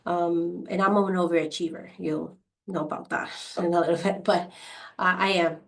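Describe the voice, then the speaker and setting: Reflective woman, lowish voice. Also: steady tone, vocal fry. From Costa Rica. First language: Spanish. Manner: reflective, many pauses and fillers. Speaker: podcast guest. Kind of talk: casual interview storytelling.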